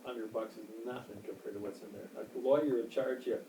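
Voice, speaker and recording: A boastful man in his sixties tells rambling stories in a casual interview. His voice is low and gravelly. He sounds far from the microphone, with a roomy echo and steady background noise. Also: brisk. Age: 60s. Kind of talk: casual chat. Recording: echoey, distant, noisy amateur recording.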